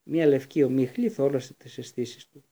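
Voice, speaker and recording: A man reading a fantasy novel aloud as an audiobook narrator, with steady storytelling. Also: mid-range voice.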